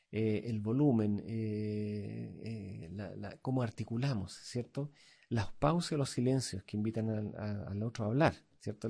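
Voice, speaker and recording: A man with a Chilean accent lecturing as an instructor, halting and full of fillers and tag questions. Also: lowish voice, vocal fry, dark tone. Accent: Chilean Spanish. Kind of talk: recorded lecture.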